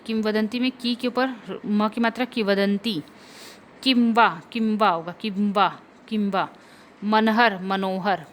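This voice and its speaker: A woman's voice: mid-range voice, a little hiss or hum. A woman teacher going through Hindi spelling corrections, spelling out words letter by letter.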